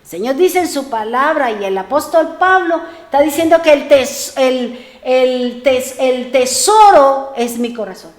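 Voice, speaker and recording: A woman's voice: high voice, animated, unhurried, hardly any pauses, roomy sound. A woman preaching a sermon, telling a personal story and acting out the dialogue with repeated phrases. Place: church.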